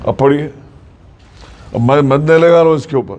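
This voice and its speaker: A man teaching a mosque class on Quran recitation. He explains the rules patiently, checks that students follow, and recites verses slowly as examples. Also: on the high side, darkish tone, dull audio, slight background noise. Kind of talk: classroom lesson.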